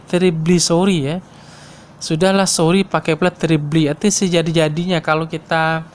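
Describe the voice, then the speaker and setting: A man giving an explanatory lecture, thinking aloud with frequent fillers and reading English passages aloud. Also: a little high.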